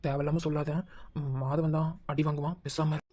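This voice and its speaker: A woman voicing an anxious young college woman in a cartoon, urgently hushing her friends in a Madurai Tamil accent. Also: sits low, level tone, fairly quick. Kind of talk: cartoon voice acting.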